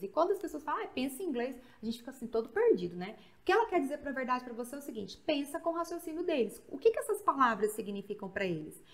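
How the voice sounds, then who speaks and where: This fairly high-pitched woman hails from Goiás, Brazil, and speaks with a Brazilian accent. She teaches English grammar in an animated, talkative way, mixing the two languages and frequently using tag questions.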